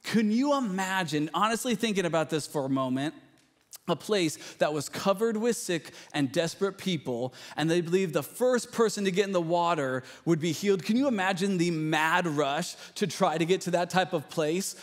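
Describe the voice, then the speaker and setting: A man's voice: high-pitched, lively intonation, normal speed. Earnest male pastor in an echoing hall. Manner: earnest, conversational, with restarts. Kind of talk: sermon. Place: church sanctuary.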